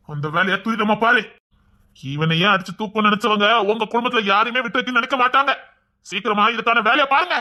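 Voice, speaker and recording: An earnest village man , played by a comic actor, who soothes his wailing aunt in a bright, mid-pitched voice. He speaks with a Tirunelveli Tamil accent and drops grumbling asides. The tone is comedy skit drama.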